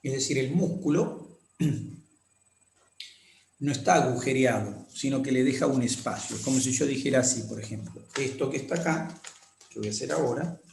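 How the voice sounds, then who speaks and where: A man lecturing on anatomy, explaining slowly, repeating key terms and often checking that students follow. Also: medium pitch, creaky, darkish tone, slight background noise. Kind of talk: classroom lecture with drawing demonstrations. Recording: echoey room.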